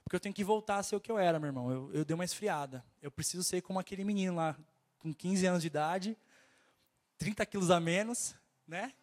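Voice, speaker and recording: A man's voice: high voice, fast. A man preaching a fervent sermon with a nasal voice and a Brazilian Portuguese accent, urging his listeners over and over. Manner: fervent, exhorting, keeps repeating "my brother".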